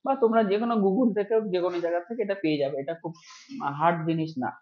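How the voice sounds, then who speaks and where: High-voiced man teaching grammar, echoey. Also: very fast. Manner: explains step by step, stretches out example words. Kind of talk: classroom grammar lesson. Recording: echoey room, dull lo-fi sound.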